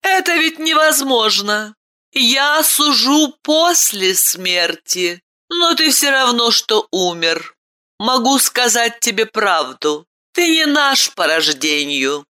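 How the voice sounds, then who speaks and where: A woman voicing a calm, grave boy who judges the dead, pitched high, in a storybook reading. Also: exaggerated voice.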